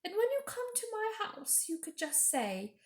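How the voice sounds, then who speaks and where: A woman voicing an imperious, falsely sweet witch queen from a storybook, with a grand, coaxing, drawn-out delivery. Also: extremely high pitch, big pitch swings, voice pushed up, exaggerated voice. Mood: coaxing, sly. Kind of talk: storybook character reading. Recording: echoey room.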